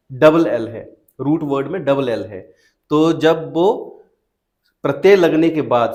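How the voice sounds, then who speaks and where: Slow patient male spelling teacher. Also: on the high side, darkish tone. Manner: asks himself questions and answers them. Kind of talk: explaining a lesson.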